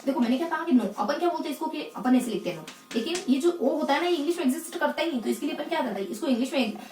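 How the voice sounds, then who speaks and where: A woman teaching English phonetics in a lesson, asking the class questions and answering them herself, and repeating key words slowly. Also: high voice, expressive, darkish tone, roomy sound, recorded from a distance, faint music behind. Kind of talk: explanatory lesson in Hindi.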